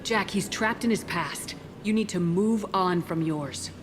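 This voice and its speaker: A woman voicing a level-headed military space commander in a video game, calm and authoritative. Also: lowish voice, measured pace, over music, lightly acted. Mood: firm, reassuring.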